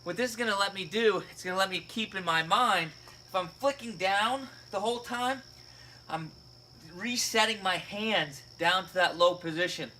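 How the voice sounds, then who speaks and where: A man coaching a fitness technique in a casual lesson, explaining step by step and often checking in with the viewer. His voice sits high and sounds bright. Faint insect noise from outdoors runs behind him. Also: moderate pace. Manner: explains step by step, frequent "right?" and "okay?". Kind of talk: casual instructional video.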